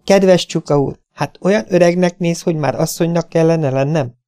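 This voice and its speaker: A man's voice: medium pitch, steady tone, darkish tone, no echo, studio quality, pitched above the performer's own voice, lightly acted. A man voicing a playful, mocking seventeen-year-old girl in an audiobook. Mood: teasing. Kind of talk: audiobook character voice.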